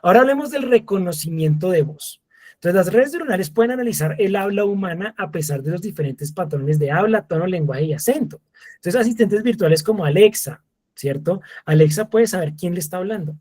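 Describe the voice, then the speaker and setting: A man teaching a live masterclass, animated, who acts out little exchanges with voice assistants. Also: high voice, fairly quick. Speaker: lecturer.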